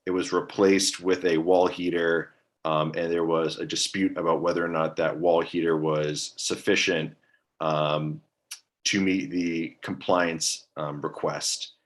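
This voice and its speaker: A man giving a hesitant, monotone staff briefing at a public meeting over a video call, filling pauses with um. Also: sits low. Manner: monotone, hesitant with many ums. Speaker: staff attorney at a commission meeting.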